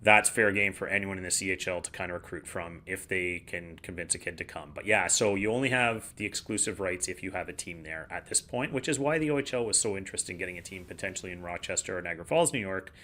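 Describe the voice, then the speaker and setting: Bright-voiced hockey analyst. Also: male voice, low-pitched, quick pace, few pauses. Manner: explanatory, relaxed, plain-spoken. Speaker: podcast co-host, hockey analyst. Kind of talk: casual sports analysis.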